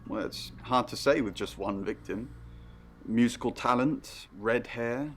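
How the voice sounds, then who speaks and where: A man's voice: a little slow, soft background music, lightly acted. An actor playing an uneasy male investigator in a game, speaking in a worried, earnest way. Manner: worried, earnest and low-key. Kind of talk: game character dialogue.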